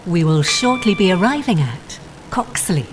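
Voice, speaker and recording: A woman's voice: lowish voice, big pitch swings, normal speed, background noise. A woman's recorded voice as a train announcer, with separately recorded phrases spliced together. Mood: neutral. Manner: formal, clipped announcement phrasing. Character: polite female train announcer. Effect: spliced-together recorded words.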